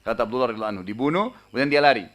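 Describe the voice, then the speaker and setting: A male preacher tells a story in his sermon, talking quickly and briskly at a medium pitch. He keeps it lively, tags his lines with casual fillers and raises his voice when the story calls for shouts. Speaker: Islamic preacher.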